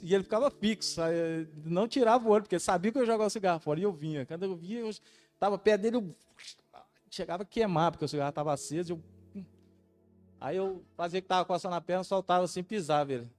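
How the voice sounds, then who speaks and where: A Brazilian man giving a testimony sermon as a missionary student, talking in a halting, conversational way with many restarts. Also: high voice, darkish tone, soft background music. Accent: Brazilian Portuguese.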